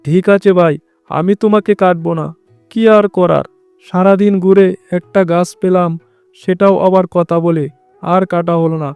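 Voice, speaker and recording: Man acting a kind poor woodcutter fox, cartoon storybook, high male voice, mellow, expressive. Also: normal speed, clear, resonant tone, no room sound, soft background music. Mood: resigned. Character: good-hearted poor woodcutter fox, devoted husband and father.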